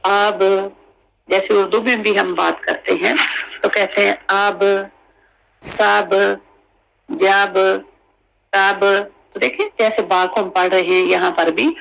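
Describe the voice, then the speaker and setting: A Quran recitation teacher giving a tajweed lesson, drilling syllables slowly and repeating each sound many times, with English teaching terms mixed in. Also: medium pitch, fairly even intonation, vocal fry, fairly bright tone, poor audio.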